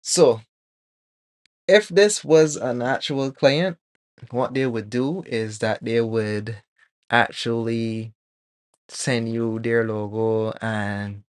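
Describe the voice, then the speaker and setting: A man from Barbados, streaming live as a 3D artist, chatting casually and thinking aloud with many pauses and fillers while he works. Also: medium pitch, dry recording, clean studio sound. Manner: relaxed, rambling, thinks aloud with many ums.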